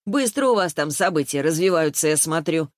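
A woman's voice: deep voice, animated, brisk, no room sound. Lady reading as a gossipy friend, wry and chatty, dry sound. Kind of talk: audiobook character voice.

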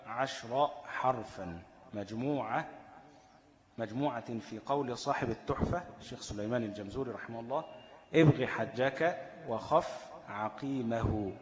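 A man's voice: medium pitch, brisk, big-room sound. A man with an Egyptian Arabic accent teaching recitation rules, posing questions and answering them himself while checking that listeners follow. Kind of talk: explanatory lesson.

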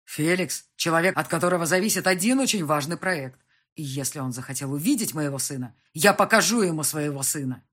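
A woman voicing a stern, wealthy man who speaks tersely and hisses his words low and controlled. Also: normal speed, slightly rough. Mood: restrained anger.

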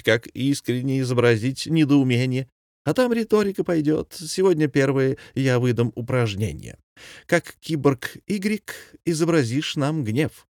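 A man's voice: medium pitch, darkish tone, no echo, clean studio sound, voice pushed up. A man voicing a boastful, pompous middle-aged male former theatre director who talks in grand, theatrical phrases, as a commandant in an audiobook. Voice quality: grandiloquent, theatrical, rhyming speech.

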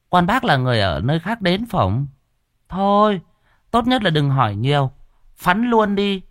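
A man voicing a sharp-tongued, gossipy village woman in a raised, curt voice. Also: high-pitched, no echo, studio quality, voice pushed up, exaggerated voice.

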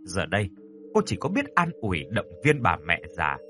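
A man narrating a ghost story in a scripted, expressive and dramatic storytelling style. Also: low voice, moderate pace, faint music behind.

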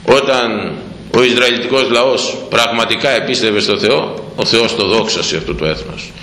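A man's voice: fairly low pitch, pushed and bright. An older man, a priest, preaching a sermon with rhetorical questions to his congregation and repeating phrases for emphasis. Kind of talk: sermon on Proverbs. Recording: echoey room with faint background noise.

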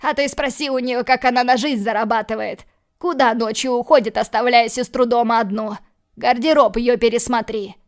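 A woman acting out a spiteful young addict in an audiobook, raising a shrill, strained voice as he yells and begs. The pitch stays narrow and flat, with a gravelly fry running under it. He sounds cornered and whiny. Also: brisk. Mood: pleading. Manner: shrill, pleading outbursts. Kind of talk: audiobook character voicing.

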